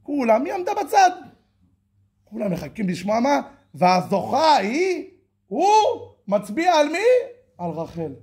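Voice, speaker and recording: A man giving a religious lesson, telling a story with animated delivery and slow, drawn-out moral asides. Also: extremely high pitch. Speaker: religious lecturer.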